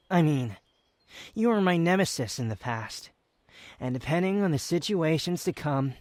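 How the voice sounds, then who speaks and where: A man performs a haughty young male wanderer with a sardonic edge, made for intimate roleplay audio. His phrasing is formal and halting, with lively, swooping intonation. The sound is close and very dry. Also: mid-range voice, dry recording. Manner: haughty, formal wording, halting, sighs and scoffs. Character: aloof, proud, sardonic young male wanderer confessing reluctant affection. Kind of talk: intimate scripted roleplay ASMR, fan audio drama.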